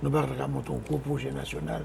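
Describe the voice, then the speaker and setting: A man's voice: medium pitch, little pitch movement, fast, gravelly, a little mellow. A man with a Haitian accent working as a radio interviewer, speaking casually in short interjections. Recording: noisy archive broadcast recording.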